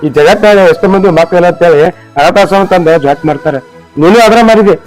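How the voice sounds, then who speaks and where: A man's voice: high-pitched, quick pace, faint music behind, lightly acted, low-quality recording. An actor playing a hurt adopted son with a North Karnataka accent who reproaches his mother. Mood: reproachful. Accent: North Karnataka Kannada.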